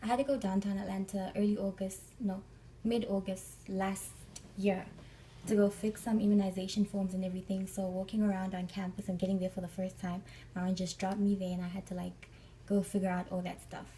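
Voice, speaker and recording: A woman's voice: medium pitch, flat delivery, a little fast, dark tone, recorded from a distance, a little hiss or hum, low-quality recording. A young woman from Africa, chatting through a storytime vlog and acting out the people she quotes. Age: young adult. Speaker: vlogger.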